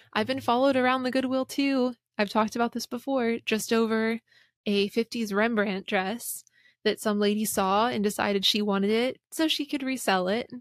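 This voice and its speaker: A woman's voice: mid-range voice, no room sound. Chatty woman host, dry close sound. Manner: chatty and emphatic, with frequent fillers. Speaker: podcast host. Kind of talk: casual commentary reading an interview aloud.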